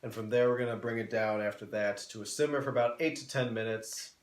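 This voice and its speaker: A man co-hosting a cooking show in a kitchen, playfully pitching the dish while listing ingredients in casual chat. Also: fairly even intonation, fast talker. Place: kitchen studio. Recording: echoey kitchen room.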